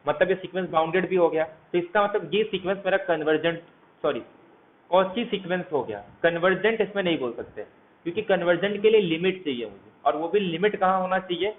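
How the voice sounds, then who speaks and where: A man's voice: high voice, fast. A man teaching a math lecture, walking through each step and asking his students questions as he goes. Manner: walks through steps, asks students questions. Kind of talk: explanatory lecture. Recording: tinny phone-like audio, faint hiss.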